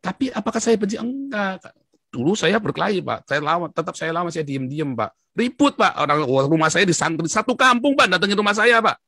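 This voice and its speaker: A man from Indonesia telling his story in an interview, excitable, his voice jumping up in pitch as he gets worked up. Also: a little fast, no room sound, clean studio sound. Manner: excitable, with sudden jumps in pitch and frequent address to the listener.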